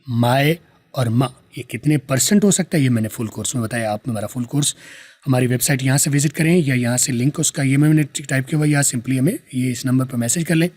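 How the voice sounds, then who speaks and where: A man with a Pakistani accent teaching English pronunciation, saying example sentences slowly and drawn out, then explaining them briskly. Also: mid-range voice, a little mellow, breathy edge, no room sound.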